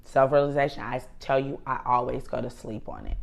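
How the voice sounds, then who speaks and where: A woman's voice: very deep voice, steady tone, a little fast, creaky. A woman co-hosting a podcast, telling candid, emphatic stories with frequent swearing in casual chat. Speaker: podcast co-host.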